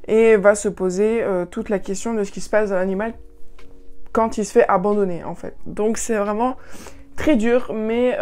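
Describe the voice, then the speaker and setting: A woman book vlogger talking casually through her monthly reading wrap-up, pausing with many fillers and restarts. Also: medium pitch, darkish tone.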